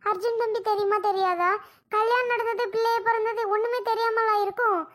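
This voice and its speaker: A woman's voice: extremely high pitch, fairly even intonation, fairly quick, pitched above the performer's own voice. A woman voicing a fussing middle-aged aunt in a cartoon, exclaiming in alarm. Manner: exclaiming, dramatic. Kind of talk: cartoon voice acting.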